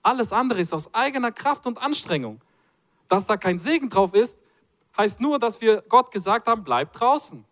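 A man preaching, his voice sitting high and swooping up and down as he talks. He reads scripture and breaks into playful asides to the congregation. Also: lively intonation, moderate pace, a bit bright. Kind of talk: lively sermon with Bible reading.

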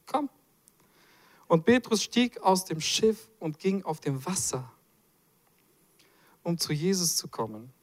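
A man preaching, his voice sitting high and swooping up and down as he talks. He reads scripture and breaks into playful asides to the congregation. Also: big pitch swings, takes it slowly, pauses often. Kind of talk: lively sermon with Bible reading.

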